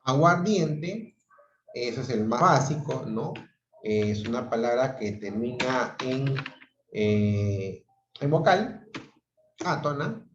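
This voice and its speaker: A man's voice: medium pitch, expressive, takes it slowly, slight background noise. A man teaching an online grammar lesson, explaining patiently and often checking in with his students. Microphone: video call audio. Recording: roomy, dull lo-fi video call sound.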